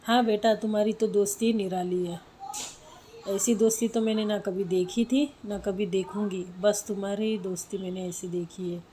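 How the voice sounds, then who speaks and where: A woman voicing a fond middle-aged mother who gently scolds her daughter, speaking with a raised voice. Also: mid-range voice, steady tone, moderate pace, slight background noise, lightly acted.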